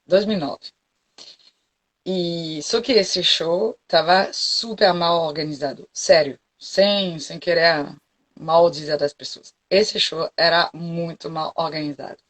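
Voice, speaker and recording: A woman's voice: on the low side, steady tone, takes it slowly. A French woman with a French accent, a forró dance teacher chatting frankly as an interview guest and often checking that she is understood. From France. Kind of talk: casual interview chat.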